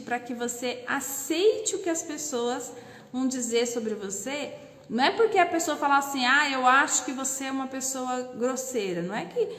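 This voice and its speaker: A woman's voice: sits high, echoey room, in a large hall. A Brazilian woman coaching on self-knowledge in a casual live lesson, emphatic and full of rhetorical questions. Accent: Brazilian Portuguese.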